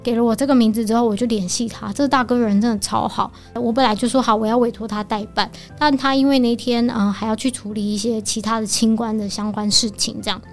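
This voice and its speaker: Taiwanese woman guest, quick and fairly high, animated storytelling, faint music bed in a studio. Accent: Taiwanese Mandarin. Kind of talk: casual storytelling chat. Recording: studio with light background music.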